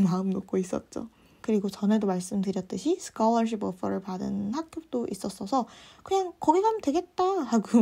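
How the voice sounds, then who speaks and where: A woman's voice: medium pitch, creaky, dark tone. A young woman in her twenties telling a personal story in a chatty vlog, acting out the lines she quotes. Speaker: vlogger.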